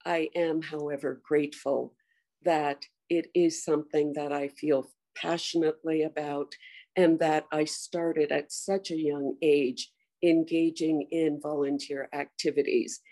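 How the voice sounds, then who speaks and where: A woman reflecting in a slow, measured way on her volunteering in a church group. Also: sits low, little pitch movement, dark tone.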